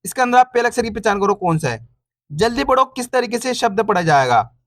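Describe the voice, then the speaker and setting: A man teaching reading online, sounding out syllables slowly, repeating each word and encouraging viewers as friends. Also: sits high, very animated, dry recording, studio quality.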